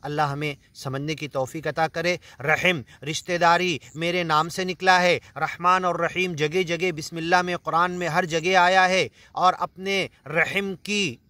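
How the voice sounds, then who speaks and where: A man's voice: on the high side, steady tone, few pauses, bright, forceful tone, no echo. A man from India with an Indian Urdu accent, earnestly explaining Quran verses in a sermon, reciting Arabic lines and then paraphrasing them. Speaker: Quran teacher.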